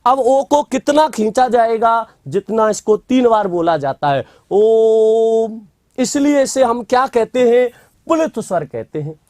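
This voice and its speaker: A teacher lecturing on grammar at an unhurried pace, posing questions to the class and answering them. Notes are dictated phrase by phrase and repeated for copying. The voice is close and dry, with no room sound. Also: medium pitch, lively intonation, a little mellow, no echo.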